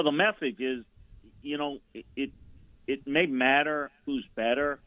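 A man's voice: mid-range voice, no echo. A man giving football analysis as a guest in a sports radio interview. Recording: tinny phone-line sound.

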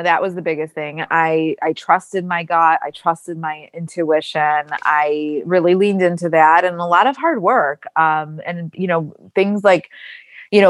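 A woman's voice: on the low side, dry recording. A woman in her forties, a company CEO, telling her story earnestly in an interview, with plenty of ums and you-knows. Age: 40s. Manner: earnest storytelling with frequent fillers. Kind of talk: conversational interview.

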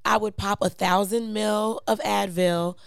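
A woman with a hoarse, raspy voice, chatting casually and telling stories in a playful, slangy way. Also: mid-range voice, steady tone, unhurried, no echo, clean studio sound. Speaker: performer, singer and dancer. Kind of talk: casual chat, animated storytelling.

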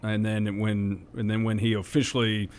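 A man co-hosting a casual sports talk show, speaking haltingly with many fillers and restarts. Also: lowish voice, flat delivery, a little mellow, slight background noise. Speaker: co-host.

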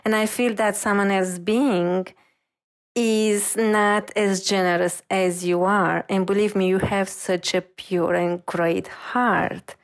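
A woman reiki master speaks in an unhurried, measured way while giving an intuitive reading. Her tone is earnest and gently reassuring, and her pitch sits in an ordinary middle range for a woman. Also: fairly even intonation.

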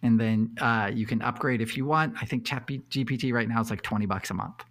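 A man talking as the guest expert on a podcast, relaxed and chatty, with many fillers and easy laughs. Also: medium pitch, a little fast. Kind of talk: casual podcast chat.

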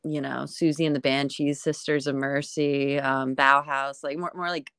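A woman's voice: a bass voice, level tone, normal speed, a bit bright, smooth, no room sound, clean studio sound. A young woman with a laid-back, stoner-like voice, chatting casually as a podcast guest and often dropping in "like". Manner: laughs often, hedges with "like". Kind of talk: casual chat.

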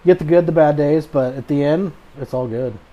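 A man's voice: a little high, fairly quick, warm tone, lo-fi sound. An American man hosting a podcast in a casual chat, with an easygoing, folksy good ol' boy way of talking. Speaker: podcast host.

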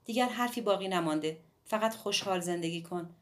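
A woman's voice: mid-range voice, close to an everyday voice. A woman reading a tender middle-aged woman musician. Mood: earnest. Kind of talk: audiobook dialogue.

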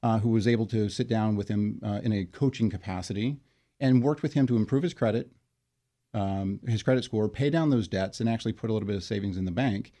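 A man being interviewed as a guest, explaining his work in a measured way with frequent fillers and restarts. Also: fairly low pitch, mellow. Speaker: interview guest, financial wellness company leader. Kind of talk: conversational interview.

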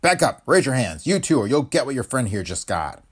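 A man's voice: medium pitch, expressive, brisk, a little mellow, lightly acted. A man doing a harsh, commanding pulp hero. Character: tough, determined adult male secret agent hero.

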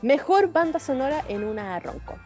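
A woman co-hosting a podcast, lively and giggly in casual chat. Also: sits high, moderate pace, faint music behind. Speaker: podcast co-host.

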